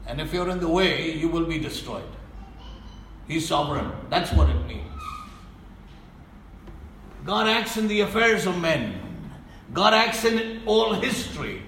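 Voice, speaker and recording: A male preacher delivers a sermon at a slow, deliberate pace, stern and emphatic, sinking low to hammer a point home. His voice sits a little high for a man, with a gravelly edge. The recording is roomy and echoey, with faint ambience behind him. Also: animated, a bit bright, a little hiss or hum.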